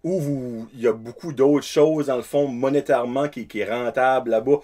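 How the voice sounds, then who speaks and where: A man's voice: mid-range voice, normal speed, warm tone. A man hosting a podcast, chatty and joking at his own expense. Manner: joking, self-deprecating, chatty. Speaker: podcast host. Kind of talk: casual chat.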